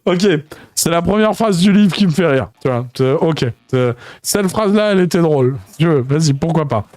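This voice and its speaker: A man reads a fan novel aloud, breaking off for sarcastic, sweary remarks. His voice sits high for a man. The sound is close and dry. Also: lively intonation, moderate pace, darkish tone, no echo. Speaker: reader. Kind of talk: mocking reading of a fan novel.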